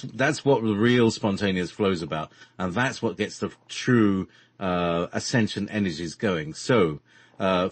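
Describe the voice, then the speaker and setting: A man hosting a casual, rambling talk show, haltingly searching for words, who cannot say R properly and says w for r. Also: fairly low pitch, husky, no room sound. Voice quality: trouble saying R, says w for r. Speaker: radio show host.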